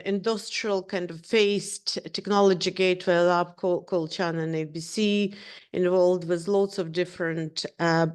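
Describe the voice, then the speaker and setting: A middle-aged woman from Ukraine, not an English speaker, giving a halting presentation on a video call with many fillers and restarts. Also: medium pitch, clean tone. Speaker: researcher presenting at an online event.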